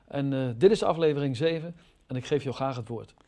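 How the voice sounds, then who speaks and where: A man hosting a Bible study show in a studio, introducing his guest in a calm, plain way. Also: mid-range voice, fairly quick. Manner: calm, plain, with brief affirming replies. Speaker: show host. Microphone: studio microphone.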